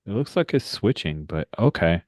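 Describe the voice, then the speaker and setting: A man's voice: sits low, big pitch swings, moderate pace, darkish tone, no echo, studio quality. A man playing a tabletop game online, hesitant and asking questions while describing his character's actions. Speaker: player. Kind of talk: tabletop roleplaying chat.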